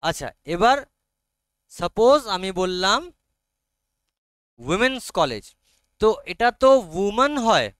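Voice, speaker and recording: Man, Bengali accent, teacher, classroom lesson, checks in with students, high voice, dry sound. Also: very animated, measured pace, long pauses, a bit bright, clean tone, dry recording. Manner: frequent check-ins with students.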